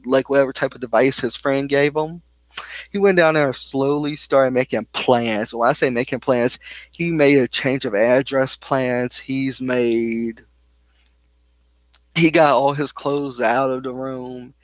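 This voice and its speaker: A man's voice: medium pitch, no room sound. A young man venting on his own channel, heated and rambling, full of fillers and asides. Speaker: vlogger. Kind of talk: casual venting monologue.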